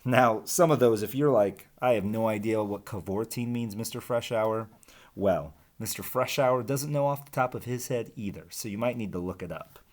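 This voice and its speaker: This male elementary school teacher has a voice on the low side and reads at a normal speed. He's teaching young children by reading a picture book aloud with expressive rhyming delivery, talking informally with them along the way.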